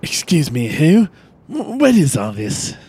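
An actor playing a wary disguised arsonist who answers in hesitant, baffled fragments. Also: male voice, fairly high pitch, huge pitch swings, unhurried, warm tone. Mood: puzzled.

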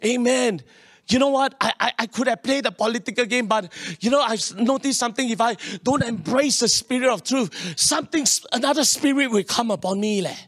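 High-voiced Singaporean man preaching in Singlish. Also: brisk, fairly bright tone, dry recording. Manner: colloquial Singlish with particles like leh, eh and huh; emphatic, repeats phrases and seeks audience response. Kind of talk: sermon with personal anecdotes to a congregation.

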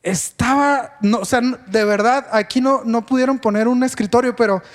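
A man telling his testimony in a sermon, animated and asking the congregation questions. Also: very high-pitched, normal speed, long reverb tail. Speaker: preacher giving his testimony.

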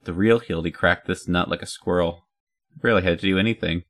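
A man's voice: sits low, brisk, fairly bright tone, faint music behind. A man reading the lines of a confident superhero woman with a dry, teasing manner.

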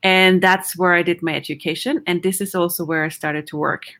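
A woman's voice: on the low side, steady tone, fairly quick, a bit bright. A middle-aged woman from Austria, a psychologist, talking animatedly in an interview, laughing often and searching for words. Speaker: psychologist guest. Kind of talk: conversational interview.

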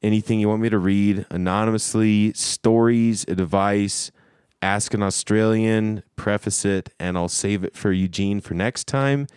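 A man's voice: lowish voice, steady tone, measured pace, darkish tone, clean tone, no room sound, clean studio sound. A man hosting a podcast in casual comedic chat, with a joking, irreverent way of talking. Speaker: podcast host.

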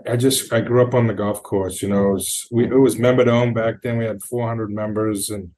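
A middle-aged golf coach from New Hampshire, USA, appears as a podcast guest, telling long, rambling stories in an interview. His voice is lowish with a darkish tone, and he acts out the quotes within his anecdotes.

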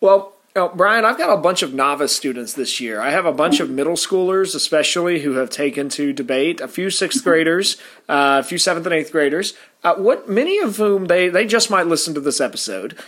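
A man's voice: fairly high pitch, animated, fairly quick, fairly bright tone. A man hosting a podcast, chatting with a guest and reading the outro, often repeating words as he starts sentences. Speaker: podcast host. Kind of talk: casual interview and show outro.

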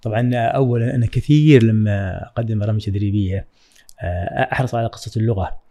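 Fast-talking man with a dark tone. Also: fairly low pitch. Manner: measured, reflective, with frequent hesitations. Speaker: guest, writing trainer. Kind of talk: podcast interview.

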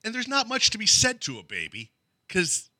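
A man's voice: high voice, huge pitch swings, moderate pace, bright, forceful tone, no room sound. A man co-hosting a casual podcast, hesitant and often restarting his sentences. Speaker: co-host.

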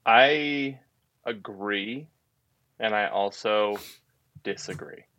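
A man's voice: on the low side, very slow, pushed and bright. A young man co-hosting a podcast in casual chat, teasing and blunt with his friend. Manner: teasing, blunt, laughs easily. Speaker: podcast co-host.

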